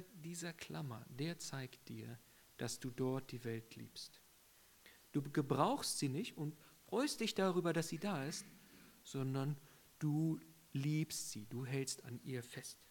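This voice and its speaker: A man with a somewhat raised pitch teaches from the Bible in a loose, chatty way. He hesitates often and poses rhetorical questions. His volume swings between loud emphasis and hushed, near-whispered asides. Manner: informal, rhetorical questions, everyday examples, frequent hesitations. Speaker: preacher.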